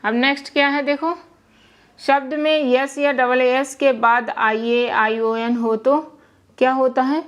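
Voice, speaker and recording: Young woman, english pronunciation teacher, fairly high voice, patient, spells out letters. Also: flat delivery, slow. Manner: patient, repeats words and spells letters aloud. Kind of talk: Hindi-language lesson explaining spelling rules.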